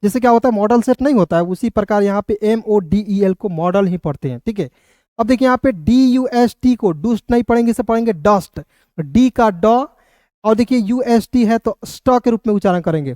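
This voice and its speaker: This online phonics teacher, a man with a high, slightly mellow voice, spells words out one letter at a time. He speaks to viewers as friends and answers the questions he asks them. There is no room sound.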